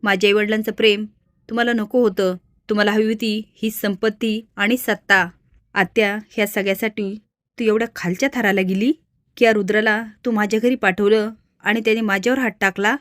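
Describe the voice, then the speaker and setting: A woman's voice: mid-range voice, steady tone, a little fast, no echo, clean studio sound, natural voice. Defiant young wife, as a woman narrator puts her on. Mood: accusing. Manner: loud, accusing.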